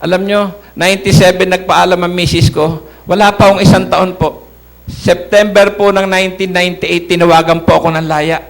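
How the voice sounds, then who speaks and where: A man's voice: high voice, steady tone, normal speed, creaky. A middle-aged man from the Philippines giving an earnest church testimony, addressing the congregation as brothers and sisters.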